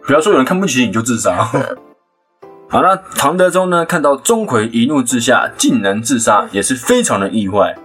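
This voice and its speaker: Animated Taiwanese-accented male storyteller. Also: mid-range voice, breathy edge, faint music behind. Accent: Taiwanese Mandarin. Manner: chatty, animated retelling with quick asides and laughs. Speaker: podcast host, storyteller. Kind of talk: casual storytelling podcast.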